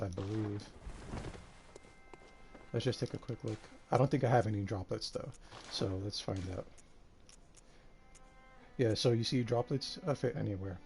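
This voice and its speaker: A man streaming a game live, tired and a bit out of breath, talking in a relaxed, rambling way with lots of fillers. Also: mid-range voice, a little hiss or hum. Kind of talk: casual live-stream commentary.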